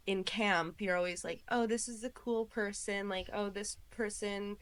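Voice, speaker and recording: A woman's voice: mid-range voice, fairly even intonation, moderate pace, fairly bright tone. A woman in her late twenties, a podcast guest talking casually with lots of fillers. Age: 20s. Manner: chatty, many fillers, quoting herself. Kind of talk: casual interview chat.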